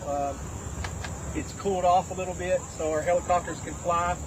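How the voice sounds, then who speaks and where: Cop guy giving a press briefing outside, kinda high voice, folksy, crickets and noise behind. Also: fairly even intonation, moderate pace. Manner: plain-spoken, folksy, repeats phrases for emphasis. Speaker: police spokesman. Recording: noisy outdoor field audio.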